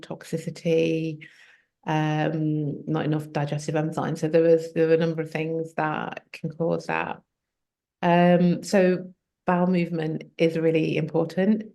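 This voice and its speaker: A woman, a health coach as guest, explaining at length in a relaxed conversational way with many fillers. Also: deep voice, gravelly. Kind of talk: conversational interview.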